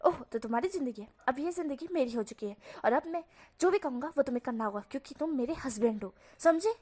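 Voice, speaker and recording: Woman doing a calm, possessive young husband. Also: high voice, quick pace. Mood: soft. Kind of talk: storybook voice acting.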